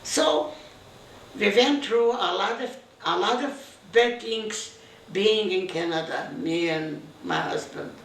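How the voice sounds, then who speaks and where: Elderly woman in her nineties, gravelly voice, slow halting speech, roomy room heard from a distance. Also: mid-range voice. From Eastern Europe (now Belarus). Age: 90s. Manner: halting, repetitive, broken English, quotes her husband's words. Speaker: interviewee, grandmother recalling her life. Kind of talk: reminiscing storytelling in an interview. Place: home room in Montreal. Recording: roomy, distant camera mic, faint noise.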